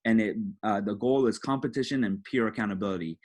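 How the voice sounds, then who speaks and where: A man, a high school football coach, giving a conversational clinic presentation to other coaches, often checking in with "right?" and repeating "again". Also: quick pace, a little mellow.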